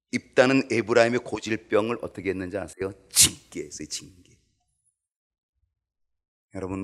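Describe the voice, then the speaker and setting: A man preaching a sermon as pastor in a church, animated and acting out quoted voices. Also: deep voice.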